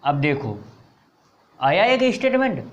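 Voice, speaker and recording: A man with a high, light voice leads an exam-prep lesson at an unhurried pace. He spells out the answer choices one word at a time. He repeats each key term again and again, sinking lower on each repeat. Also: big pitch swings, highs cut off. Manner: repeats key words several times, dropping low on them; reads out options slowly, word by word. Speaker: exam coaching teacher.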